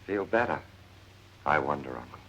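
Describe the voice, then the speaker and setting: A man's voice: rumbling low, animated, moderate pace, fairly bright tone, a little hiss or hum. A man acting an exasperated, wry character with sardonic screwball banter in a 1940s comedy film. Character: exasperated, wry man convinced his brother returned as a dog. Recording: muffled vintage film soundtrack.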